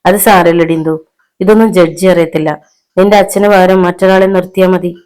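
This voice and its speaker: A woman voicing a violent, hot-tempered young husband in a storybook reading, with a harsh, shouting manner. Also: fairly low pitch, fairly even intonation, moderate pace, clean tone, close to an everyday voice, low-quality recording. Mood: angry.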